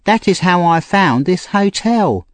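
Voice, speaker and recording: A man reads an audiobook character, a young woman thief who is scared and tearful, making her plead in an urgent, high-strung manner. He sounds expressive and unhurried, recorded dry.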